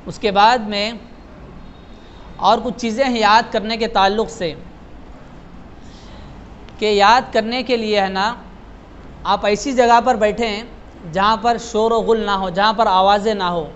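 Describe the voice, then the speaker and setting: A man with a high voice teaches Quran recitation in a patient classroom manner, often tagging his sentences with a question. He models each phrase slowly for his students. The recording sounds dull and lo-fi, with a faint hiss behind him. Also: fairly even intonation, a bit bright. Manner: explains patiently, often adds "hai na", slows down to model recitation line by line.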